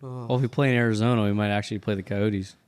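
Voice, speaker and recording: A man with a slightly low voice talks very quickly. He chats casually in a group inside a wooden cabin. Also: fairly even intonation, crowd noise.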